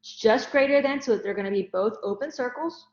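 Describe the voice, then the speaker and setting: A woman's voice: a little high, moderate pace, a little mellow. A woman teaching math in a recorded lecture, explaining each step. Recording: roomy, dull lo-fi recording.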